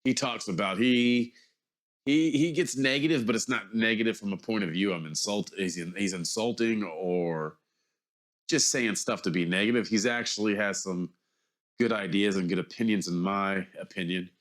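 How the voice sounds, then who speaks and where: This forties-aged vlogger has a fairly low, slightly bright voice, talks at a normal speed and sounds mildly stuffed up. His casual monologue meanders, with pauses, self-corrections and a habit of looping back to his point.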